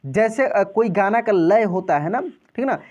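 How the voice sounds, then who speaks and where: A man's voice: high-pitched, lively intonation, a little slow, darkish tone, muffled recording. A man teaching an online video lesson to adult learners. He speaks patiently and repeats himself, draws out and stresses vowel sounds for practice, calls his viewers friends, and keeps checking that they follow. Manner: addresses viewers as friends and often checks understanding.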